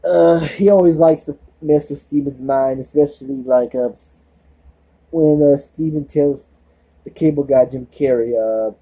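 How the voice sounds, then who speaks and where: A man's voice: fairly high pitch, a little slow, warm tone, slightly rough, rough recording. A man with a lisp giving a casual movie review, rambling and often losing track and starting over.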